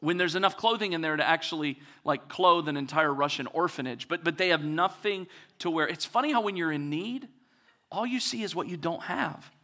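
A man's voice: a little high, brisk, bright, forceful tone. A man preaching a conversational sermon as a pastor, acting out quoted voices with touches of humor.

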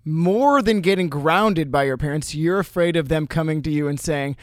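A man's voice: fairly high pitch, moderate pace, dry recording, studio quality. A man co-hosting a casual faith podcast, joking around and drawing out words for emphasis. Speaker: podcast co-host.

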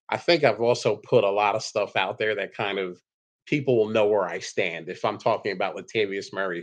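A man hosts a relaxed sports podcast, talking in an easygoing, joking way and chuckling along. His voice sits a little on the low side. He sounds unhurried and conversational. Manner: laid-back, joking, chuckles often. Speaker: podcast host. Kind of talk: casual fantasy football podcast chat.

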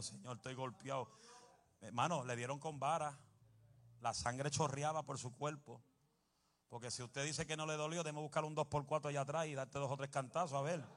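A man preaching a sermon, animated and humorous, bursting into shouts. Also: a little high.

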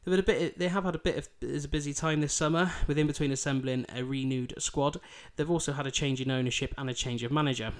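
A man's voice: on the high side, steady tone, fast talker, hardly any pauses. Man with a thick Yorkshire accent. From Bridlington, East Yorkshire, England. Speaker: football podcast host. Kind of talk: podcast fixture preview, part scripted, part casual chat.

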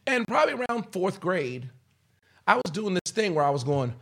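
A man in his fifties from the United States, telling stories in an animated podcast chat and tagging lines with "okay?". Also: high voice, normal speed, gravelly. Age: 50s. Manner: emphatic, repeats "okay?" often, acts out quotes. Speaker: guest.

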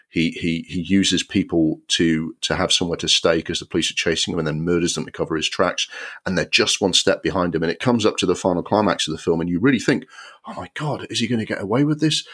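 A man hosting a film podcast, giving an animated, exasperated review with many ums and the odd swear word. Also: low-pitched.

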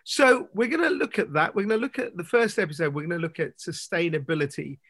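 A man's voice: a little high, quick pace, fairly bright tone, husky, dry recording. A man hosting an interview podcast, talking in a loose, rambling way with many fillers. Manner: rambling, full of "sort of" and "you know". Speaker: podcast host.

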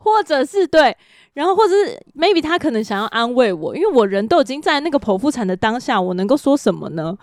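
Lady in her 30s chatting on a podcast, kinda high voice, talks really fast, dry close mic. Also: no echo. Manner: chatty storytelling, quick and animated. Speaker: podcast co-host. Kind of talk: casual chat.

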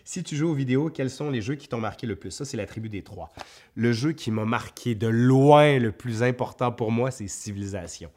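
A history video host with a Quebec French accent runs a casual Q&A, reading questions aloud and answering them off the cuff in a conversational manner. His voice is medium-pitched and dark in tone, delivered at a normal speed.

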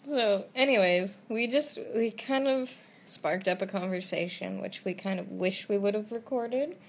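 A woman's voice: medium pitch, unhurried, a little hiss or hum. A young woman chatting casually on a travel vlog, giggly and teasing. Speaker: travel vlogger. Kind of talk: casual chat.

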